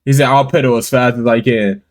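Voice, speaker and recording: A man co-hosting a casual anime podcast, chatting laid-back and throwing in quick agreements. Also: medium pitch, steady tone. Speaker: podcast co-host. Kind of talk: casual anime recap chat.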